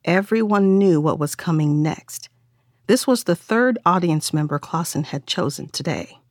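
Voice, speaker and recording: A woman reading a novel aloud as narrator, in a wry, measured storytelling manner. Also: lowish voice, animated, no echo, studio quality. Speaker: audiobook narrator. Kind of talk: scripted narration.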